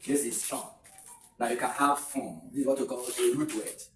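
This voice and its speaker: A man's voice: medium pitch, fairly even intonation, moderate pace, fairly bright tone. A man teaching an exam-prep lesson, explaining step by step and repeating key words. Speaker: English teacher. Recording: echoey room, mic far off, faint noise.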